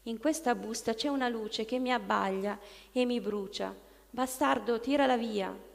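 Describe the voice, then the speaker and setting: A woman's voice: a little high, unhurried, gravelly. A woman reading aloud and voicing a hateful, tormented male demon who spits out spiteful outbursts, with a long reverb on the recording. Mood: furious.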